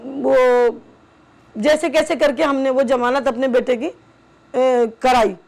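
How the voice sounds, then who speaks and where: Distressed mother, halting high voice. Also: gravelly, a little mellow. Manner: halting, with many pauses and fillers. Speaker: mother telling her family's story. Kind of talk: emotional personal testimony.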